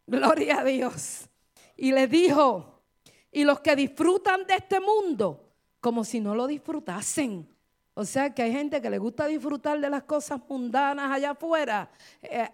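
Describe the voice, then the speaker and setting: A middle-aged woman preaching and giving testimony to a congregation, shifting from quiet storytelling to loud fervent exhortation. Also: high voice, creaky. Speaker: church speaker giving testimony.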